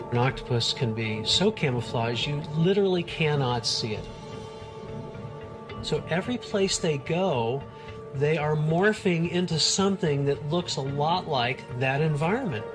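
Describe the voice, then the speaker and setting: Enthusiastic man explaining science, music behind. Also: mid-range voice. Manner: enthusiastic, marveling. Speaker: marine biologist, interview subject. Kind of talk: unscripted explaining for a documentary.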